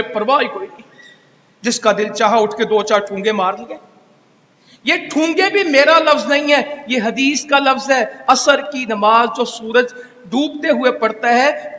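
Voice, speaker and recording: A man's voice: very high-pitched, pushed and bright. A man preaching a Friday sermon in a mosque, scolding and exhorting with rhetorical questions. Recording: echoey hall reverb.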